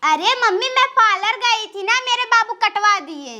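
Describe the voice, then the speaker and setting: A woman's voice: extremely high pitch, animated, normal speed, pushed and bright, exaggerated voice. A woman with an Awadhi accent playing a pampered, newly married young daughter who shows off and whines in a comedy sketch. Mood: boastful. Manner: showing off, whiny.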